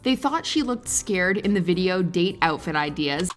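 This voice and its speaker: Woman narrator, lowish voice, scripted countdown, faint music behind. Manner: even, measured countdown delivery.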